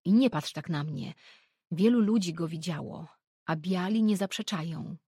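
A fretful grey-haired mother from a storybook, as a woman reader puts her on, scolding and insistent, always pressing her point. The voice sits a little low, with a gravelly, husky grain and a dry, close sound. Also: moderate pace, dark tone, dry recording. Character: anxious grey-haired older mother, disapproving.

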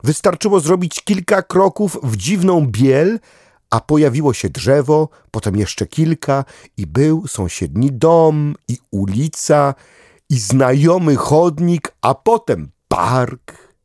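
A man reading a children's story aloud, very expressive and unhurried, close to the mic. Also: on the high side, no room sound. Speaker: audiobook reader. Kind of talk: scripted children's story narration. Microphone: close studio mic.

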